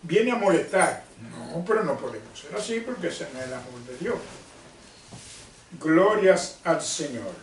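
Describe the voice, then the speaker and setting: A male preacher gives a sermon, slowly and emphatically, asking questions and answering them himself. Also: on the high side, sing-song, distant mic, slight background noise. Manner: slow, emphatic, asks and answers own questions. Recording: echoey room, off-mic.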